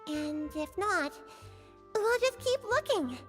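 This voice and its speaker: An actress voicing an eager, shy young woman in video game dialogue, with a soft, hesitant manner. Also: very high-pitched, animated, takes it slowly, over music, full character voice.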